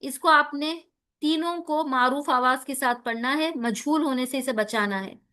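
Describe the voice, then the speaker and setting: A woman teaching a recitation lesson, spelling out letters slowly and carefully between quick explanations. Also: high-pitched, sharp tone.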